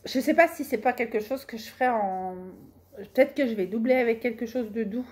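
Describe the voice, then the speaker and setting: A woman's voice: on the high side, brisk, darkish tone. A middle-aged woman chatting casually through a fabric haul on her sewing vlog, colloquial and self-mocking, with plenty of fillers as she goes. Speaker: sewing vlogger.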